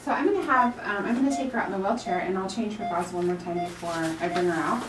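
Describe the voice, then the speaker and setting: Fast-talking clinic woman in an echoey room. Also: medium pitch, far from the mic. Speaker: clinic nurse or assistant. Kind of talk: casual practical instructions. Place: small clinic treatment room. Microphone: distant camera mic. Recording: echoey room, off-mic, busy background.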